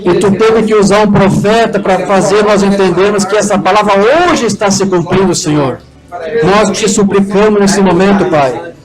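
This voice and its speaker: Fervent high-voiced Brazilian preacher. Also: male voice, fairly even intonation, moderate pace, low-quality recording. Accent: Brazilian Portuguese. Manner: fervent, calls for amens from the congregation. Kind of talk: sermon with closing prayer. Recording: soft music under the voice.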